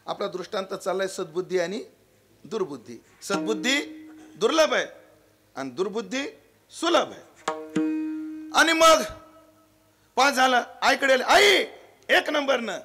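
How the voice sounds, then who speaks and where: A man preaching a devotional kirtan, telling folksy, humorous stories and slowly chanting verses. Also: high voice. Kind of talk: devotional storytelling sermon. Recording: live kirtan with loud music.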